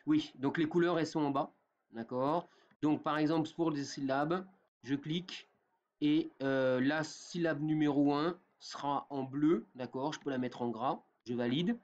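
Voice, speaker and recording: A man with a somewhat high voice explains a program step by step, like a teacher doing a screen-recorded tutorial. He fills pauses with hesitations and keeps checking in with his viewers. The sound is dull and lo-fi. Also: a little mellow. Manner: talks step by step with many fillers and a repeated "d'accord?". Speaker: software tutorial presenter.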